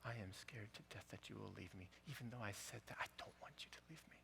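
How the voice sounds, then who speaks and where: A man's voice: fairly low pitch, steady tone, quick pace, gravelly, a little hiss or hum, pitched below the performer's own voice. A man doing a weeping, frightened wife. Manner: tearful, hushed pleading. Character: remorseful frightened wife begging.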